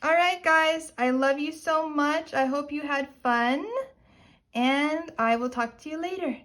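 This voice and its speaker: A woman talks at an unhurried, drawn-out pace in a casual haul-video chat. She gushes with excitement, jokes about being a dork, and now and then sinks into soft murmurs while showing her polishes. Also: sits high. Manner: gushing, chatty, calls herself dorky. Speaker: nail polish vlogger.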